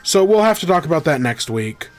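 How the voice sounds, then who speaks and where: Very animated and a little fast, this young man's voice sits on the high side. Hosting a gaming podcast as a loose livestream chat, he rambles and keeps correcting himself. He sounds congested, with a scratchy throat from a cold.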